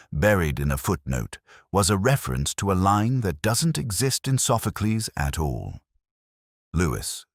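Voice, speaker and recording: A man playing a brooding, erudite middle-aged police inspector, narrating his case in a measured, literary, melancholy way. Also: a bass voice, no room sound, studio quality, heavily acted. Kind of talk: scripted first-person detective narration.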